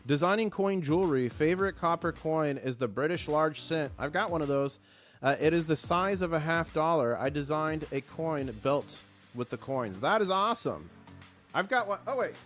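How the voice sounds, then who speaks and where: Reading viewer comments aloud, this man hosts a casual live stream in a hoarse, slightly high voice. He comes across as chatty and excitable.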